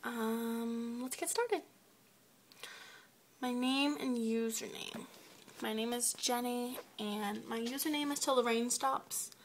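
A woman's voice: on the high side, a little hiss or hum. A teenage girl from the United States, casually reading a word list one word at a time. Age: teens. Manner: unhurried, reads words one by one. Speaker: video blogger.

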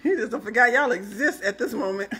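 A woman's voice: on the high side, fast, sharp tone, a little hiss or hum. A woman co-hosting a home cooking stream from off camera, reading viewer comments aloud and teasing the cook. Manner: teasing, chatty. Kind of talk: casual live chat.

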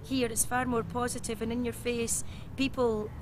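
Brief: woman in her twenties, flat delivery, noisy background. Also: on the high side, normal speed. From Scotland. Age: 20s. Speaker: interviewee.

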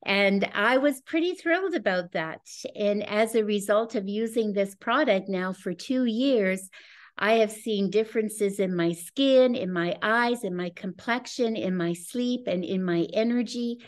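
A woman's voice: mid-range voice, unhurried. A woman in her sixties giving an earnest, enthusiastic webinar presentation over a video call from home. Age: 60s. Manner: earnest, enthusiastic, personal testimonial. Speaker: presenter of a business opportunity. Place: home room with a scenic backdrop, indoors. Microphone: video call webcam.

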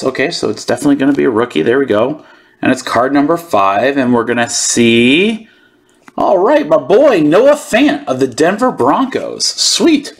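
Man casually chatting through a card unboxing. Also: mid-range voice. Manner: informal, thinking aloud. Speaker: host of a sports card channel.

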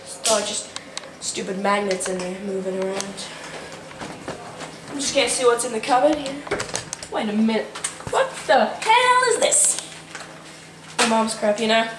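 A young woman giving a comedic mock tour of a house, boasting deadpan with sudden yelps, filmed indoors on a home camera from a distance. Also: mid-range voice, normal speed, pauses often. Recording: echoey room, distant mic, noisy home video.

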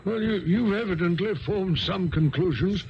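An actor playing an earnest, puzzled gentleman doctor, hesitant and questioning, in 1970s radio drama style. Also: high voice, normal speed, slight background noise. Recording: muffled 1970s radio recording.

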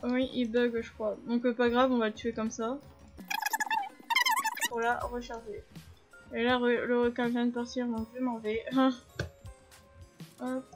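A woman's voice: on the high side, flat delivery, measured pace, pauses often. Chatty woman explaining a game. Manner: chatty, explains controls to viewers, frequent fillers. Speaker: gaming video host. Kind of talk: casual gameplay commentary. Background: faint game music.

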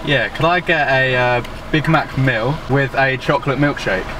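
A man's voice: medium pitch, moderate pace. A man ordering food at a drive-through from his car, casual and polite. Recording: distant mic, car and traffic noise.

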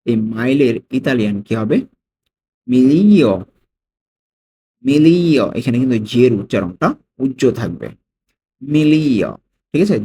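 A man teaching a vocabulary lesson, repeating each word slowly and stressing the foreign words. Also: mid-range voice, darkish tone, slight background noise. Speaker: language tutor.

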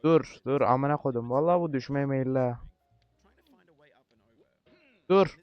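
A man giving let's-play commentary, cursing a lot in frustration and repeating short words while coaching himself to stay calm. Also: medium pitch, brisk, clean tone, no echo, lo-fi sound, faint music behind. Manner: repetitive outbursts. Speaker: gaming YouTuber.

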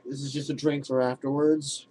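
A teenage boy chatting casually to a webcam at home in a hesitant, halting way. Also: medium pitch, little pitch movement. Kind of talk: casual vlog chat. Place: room at home, indoors. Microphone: webcam at arm's length. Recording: faint noise and clicks, webcam audio.

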